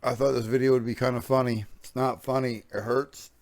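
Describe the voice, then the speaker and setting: A man's voice: mid-range voice, level tone, a little fast. A man giving a sarcastic, profane reaction commentary on a podcast clip, sounding exasperated.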